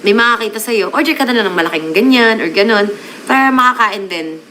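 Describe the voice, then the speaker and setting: Bright-voiced woman chatting on a live stream. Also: fairly high pitch, animated, a little fast, slight background noise, low-quality recording. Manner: chatty, mixes English into Tagalog. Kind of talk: casual live-stream chat with viewers.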